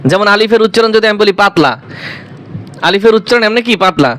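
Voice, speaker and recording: A male Quran teacher giving a lesson on letter pronunciation. He speaks patiently, drawing letters out slowly and asking questions before he answers them. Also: high-pitched, fairly bright tone. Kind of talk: recitation lesson.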